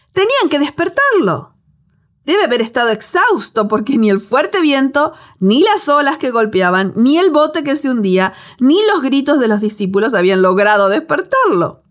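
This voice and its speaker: Expressive woman teaching a devotional. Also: mid-range voice. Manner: expressive, dramatic storytelling with rhetorical questions. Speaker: Bible teacher.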